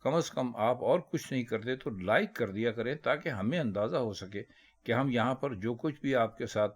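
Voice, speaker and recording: A man teaching correct pronunciation, explaining each word carefully and deliberately. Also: mid-range voice. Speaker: Urdu language teacher. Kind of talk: pronunciation lesson.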